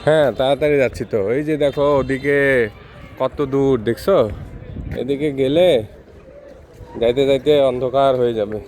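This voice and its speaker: A man, chatting gently with his small child outdoors and coaxing him along with soft hums. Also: medium pitch, steady tone, fairly quick, soft background music. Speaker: father and vlogger. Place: outdoors by a river. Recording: noisy outdoor recording.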